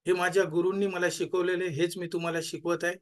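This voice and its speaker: A man, a life coach leading a guided gratitude meditation, who repeats his thanks more and more softly until they trail off. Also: high voice, flat delivery, fast talker.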